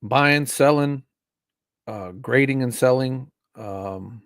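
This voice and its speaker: A man's voice: mid-range voice, takes it slowly, a bit bright, no echo. A man in his forties chatting casually on a live stream, rambling with many fillers and restarts. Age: 40s.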